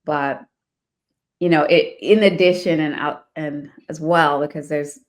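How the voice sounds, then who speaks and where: A woman from the Washington, D.C. area speaks in a low, steady voice at a measured pace. She's a real estate investor appearing as an interview guest, casually telling her life story, laughing often and frequently restarting her sentences.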